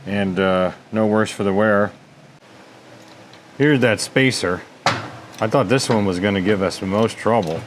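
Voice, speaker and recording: A man's voice: on the low side, a little slow, pauses often, noisy background. A man hosting a repair channel, casually demonstrating lathe work in his workshop and thinking aloud with folksy asides. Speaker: machine shop repair host.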